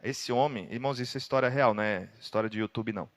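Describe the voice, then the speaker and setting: A man preaching a sermon with a Brazilian Portuguese accent, telling a dramatic story and breaking into loud cries now and then. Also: medium pitch, fast talker, in a large hall.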